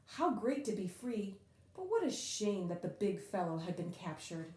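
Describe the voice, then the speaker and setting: This woman brings a children's picture book to life in an expressive, theatrical reading, drawing out the key words. Her voice sits in the middle range, and the recording has a roomy quality.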